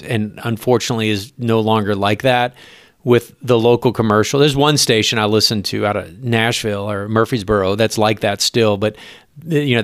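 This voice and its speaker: A man who works as a radio broadcaster, talking casually as an interview guest, eager and halting with many fillers. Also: on the low side, no echo, clean studio sound. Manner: eager, halting, lots of likes and ums.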